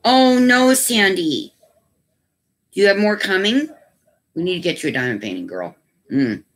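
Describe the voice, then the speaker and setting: A chatty woman with a low voice hosts a relaxed craft livestream from home. She talks easily with viewers and lapses into doting baby talk with her pets. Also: normal speed, breathy edge. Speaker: craft channel host. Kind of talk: casual livestream chat.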